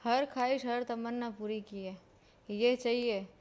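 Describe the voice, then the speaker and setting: Female interview guest, high-ish squeaky cartoon-character voice, casual delivery. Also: fairly even intonation, a little slow, a little mellow, slight background noise. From Rajasthan, India.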